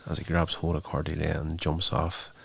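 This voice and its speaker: Low gravelly man recapping a show. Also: monotone, moderate pace, a bit bright. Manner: loose, rambling retelling full of "uh" fillers. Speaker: show host reviewing a TV episode. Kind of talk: casual spoken recap.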